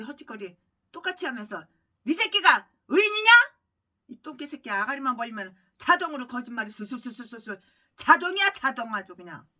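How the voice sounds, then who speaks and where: A woman pastor delivering a furious, abusive sermon, swinging between shouting and low muttering. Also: distant mic. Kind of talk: ranting sermon.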